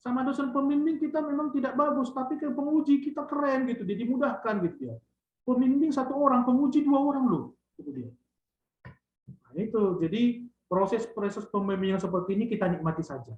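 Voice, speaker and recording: A man, a lecturer guiding students on their theses, who closes phrases with a drawn-out tag and teases. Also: extremely high pitch. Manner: drawn-out "gitu dia" tags, teasing. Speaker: thesis supervisor lecturer. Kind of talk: online thesis guidance talk. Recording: echoey, dull lo-fi sound.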